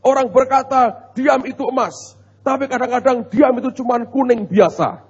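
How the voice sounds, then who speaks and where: Preacher guy playing a bossy husband lecturing his wife, high husky voice. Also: moderate pace, darkish tone, big-room sound, lo-fi sound. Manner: domineering, lecturing.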